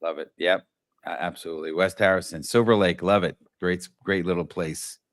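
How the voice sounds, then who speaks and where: A man's voice: low-pitched, steady tone, moderate pace, no room sound, clean studio sound. A middle-aged man hosting a live-stream talk show, enthusiastic, often restarting and repeating words as he talks to viewers. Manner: enthusiastic, repetitive, many restarts. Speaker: show host.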